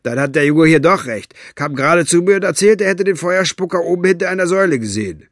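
A man's voice: fairly high pitch, animated, fast, no echo, studio quality, pitched above the performer's own voice, natural voice. A man voicing a coarse, smug male henchman who mocks and gloats. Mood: gloating. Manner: gloating, sneering, grunting.

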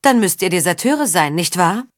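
A woman's voice: fairly low pitch, animated, normal speed, no echo, clean studio sound, lightly acted. A woman playing a haughty nobleman. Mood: cold. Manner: imperious, formal. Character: haughty bearded male nobleman, cold.

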